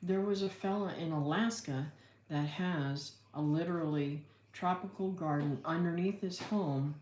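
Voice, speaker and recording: In a roomy-sounding space with faint background noise, a middle-aged American woman from Florida hosts a casual livestream about homesteading. Her fairly low, darkish voice moves a little slowly as she reads comments and answers them, rambling and thinking aloud in a folksy manner.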